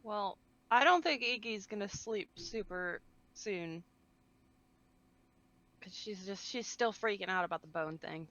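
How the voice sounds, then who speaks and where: Bright chatty woman on a dull lo-fi mic. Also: mid-range voice, a little slow, long pauses. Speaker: player. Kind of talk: casual tabletop play.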